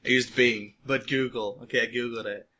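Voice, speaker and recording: A man's voice: medium pitch, fairly even intonation, normal speed, bright, forceful tone. A man co-hosting a podcast in casual chat, joking and teasing his co-host. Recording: muffled lo-fi recording.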